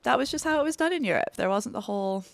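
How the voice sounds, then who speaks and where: A woman's voice: a little high, expressive, fast talker, gravelly, no room sound. A woman in her thirties from Belgium, a bartender talking enthusiastically in a casual podcast interview, lingering on descriptive words. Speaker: bartender guest.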